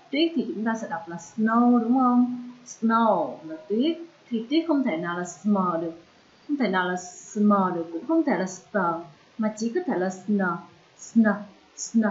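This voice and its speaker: A woman with a Vietnamese accent teaching an English lesson to children, drilling sounds slowly and switching between English and Vietnamese. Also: a little high, very animated, a little mellow, highs cut off.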